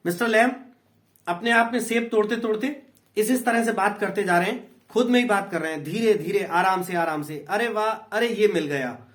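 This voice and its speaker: A man's voice: high-pitched, a little fast, a bit bright. A man with an Indian accent, an English tutor patiently explaining a play in a class lesson. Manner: patient, repeats and explains in two languages.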